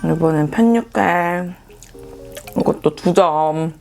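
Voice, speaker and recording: A woman's voice: fairly low pitch, takes it slowly, vocal fry, darkish tone. A woman chats casually to viewers as a mukbang vlogger, with playful, self-mocking asides. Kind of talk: casual chat to viewers while eating. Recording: background music under the voice. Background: music.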